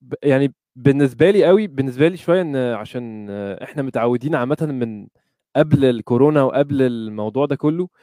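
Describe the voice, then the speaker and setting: A man's voice: mid-range voice, fast, dark tone, dry recording, studio quality. A man with an Egyptian Arabic accent chatting casually as a podcast guest, mixing English words into his Arabic. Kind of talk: casual chat.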